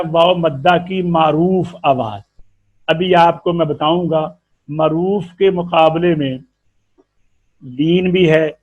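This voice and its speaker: A man's voice: a little high, dull audio. A man with an Urdu accent teaching a tajweed lesson, explaining patiently and stretching out syllables to demonstrate sounds. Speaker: Quran recitation teacher.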